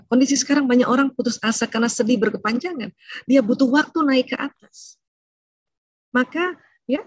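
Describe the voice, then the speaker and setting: Woman lecturing, higher voice, dull dry sound. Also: no room sound. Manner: conversational, explaining, often ends phrases with "ya". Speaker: Islamic lecturer on family and emotions. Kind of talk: religious seminar talk.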